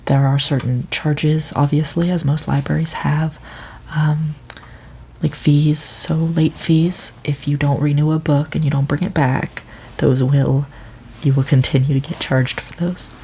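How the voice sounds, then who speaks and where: A helpful female librarian, played by a woman in an ASMR role-play. Her hushed library voice is dark and soft, often dropping in a soft voice, with halting, casual phrasing. Faint noise and keyboard typing sit behind her. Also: sits low, flat delivery. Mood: helpful, matter-of-fact. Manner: hushed library voice, soft-spoken, slipping into speaks softly; hesitant, unhurried, halting delivery.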